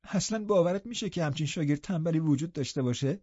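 A man's voice: fairly high pitch, warm tone, no echo, lo-fi sound, voice pushed up, lightly acted. A man doing a sneering, spoiled young man. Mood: mocking. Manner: mocking, snide.

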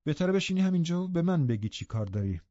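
A man's voice: fairly high pitch, big pitch swings, warm tone, no echo, voice pushed up. Man voicing an anxious, protective housekeeper. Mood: wary. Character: worried middle-aged female housekeeper. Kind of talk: audiobook reading. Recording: dull, dry studio recording.

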